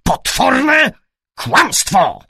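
A man voicing an older, coarse and menacing horse trainer who shouts and blusters, then turns fawning. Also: medium pitch, big pitch swings, slow pace, creaky, husky, dry recording, clean studio sound, pitched above the performer's own voice, exaggerated voice. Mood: furious.

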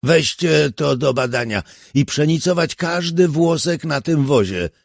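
A man doing a brisk, commanding police chief. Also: on the high side, expressive, vocal fry, dry recording, clean studio sound, pitched above the performer's own voice, heavily acted. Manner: brisk, barking orders. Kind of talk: audiobook character voice.

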